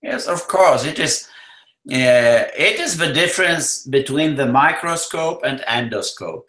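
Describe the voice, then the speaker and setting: A man's voice: mid-range voice, lively intonation, unhurried, sharp tone. A man with a Polish accent answering as a neurosurgeon in an interview, searching for words and repeating phrases. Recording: roomy, echoey sound.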